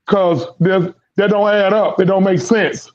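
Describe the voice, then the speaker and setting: Steady in tone and measured in pace, this man's high-sitting voice comes through a muffled recording. Hosting a sports podcast, he rambles casually about sports in Southern American slang, repeating words often while his voice gives out.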